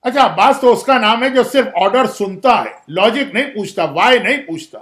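Very high-voiced man preaching a mourning sermon. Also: expressive, a bit bright. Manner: impassioned, dramatic storytelling.

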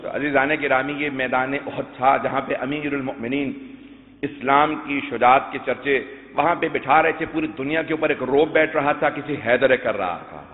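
A man preaches a sermon in a mid-pitched voice, telling stories and swelling into loud, sung recitation of verses. The sound is tinny and narrow, like a phone line, with a long hall echo trailing each phrase. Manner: addresses listeners as dear ones, tells stories. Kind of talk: Shia majlis sermon with sung poetry.

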